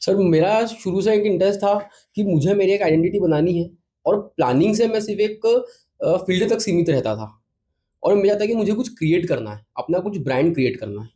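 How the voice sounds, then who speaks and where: This interview guest is an entrepreneur from Indore with an Indian accent and a high-pitched, dark-toned voice. He talks a little fast with lively intonation. His answers are polite, explanatory, and conversational, blending Hindi with English.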